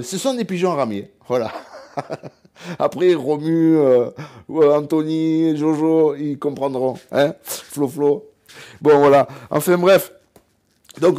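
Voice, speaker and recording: A man with a southern French accent and a slightly high voice talks through his cooking in a loose, rambling way. He speaks straight to the viewer, jokes at his own expense and fills every pause with "voilà". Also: darkish tone. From Cévennes, southern France. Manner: chatty and rambling, says "voilà" constantly. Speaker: home cook and hunter. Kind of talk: casual cooking vlog.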